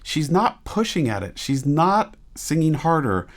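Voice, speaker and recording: A man's voice: a little high, very animated, measured pace. A man working as a vocal coach, reacting to a performance with casual, enthusiastic teaching commentary and frequent rhetorical questions.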